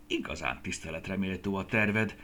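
A man's voice: deep voice, bright, forceful tone, slight background noise. A man voicing a fat, motherly peach lady who is chatty and welcoming, in a storybook reading. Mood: friendly. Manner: friendly, chatty, gushing.

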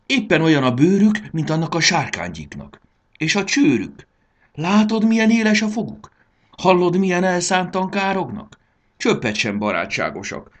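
A man voicing a tiny, brave and excitable fairy girl in a storybook reading, with high shrill cries. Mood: alarmed. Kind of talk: audiobook character voice.

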